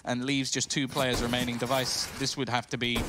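A man's voice: medium pitch, level tone, a little fast. A man working as an esports caster, giving live play-by-play commentary in a running present-tense narration. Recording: clear game noise behind voice.

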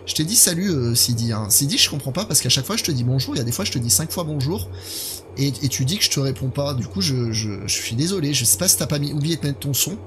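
A man's voice: mid-range voice, lively intonation, fast talker, fairly bright tone. Man livestreaming a horror game, noisy ambience. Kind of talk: casual live gameplay commentary, chatting with viewers. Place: indoor gaming setup.

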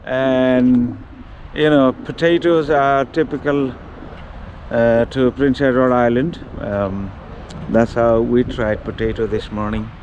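A travel vlogger in his fifties narrates a walking tour of city streets, his medium-pitched voice steady, slow, and a little mellow. He hesitates with many ums. Filmed on an action camera held at arm's length, the lo-fi audio carries outdoor street noise and traffic.

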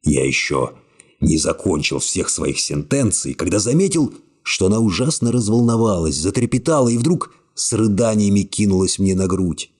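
A male narrator with a low, husky voice reads an audiobook. His delivery is wry and expressive, and his pitch moves widely through each sentence. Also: moderate pace. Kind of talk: scripted narration.

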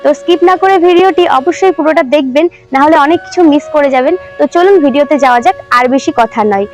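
A woman hosting a devotional channel, earnestly explaining religious terms and slowly reciting Sanskrit verses. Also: high voice, a little mellow, dull audio. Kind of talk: religious teaching talk. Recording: faint background music.

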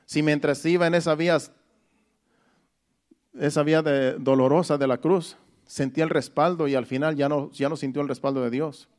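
A man's voice: on the high side, steady tone, normal speed, darkish tone. A man preaching a Sunday sermon. He explains each verse step by step, restating it in plain words and often repeating phrases.

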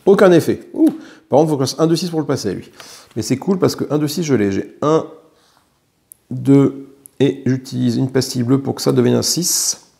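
Speaking at normal speed and pausing often, this French-accented man has a medium-pitched, gravelly, warm voice. He plays a board game alone, counting dice aloud and cursing mildly when the rolls go badly.

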